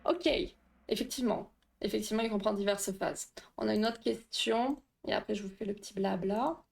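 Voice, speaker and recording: A woman's voice: medium pitch, brisk, creaky, darkish tone. A woman hosting a casual livestream, explaining dream science with a quiz, chatty and laughing often while reading chat aloud. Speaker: livestream host.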